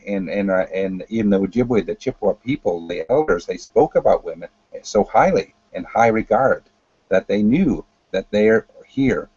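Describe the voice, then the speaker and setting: A man giving an unscripted spiritual talk in a calm, earnest, deliberate way, repeating phrases as he goes. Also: lowish voice, slightly rough, no echo, dull audio. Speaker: spiritual teacher.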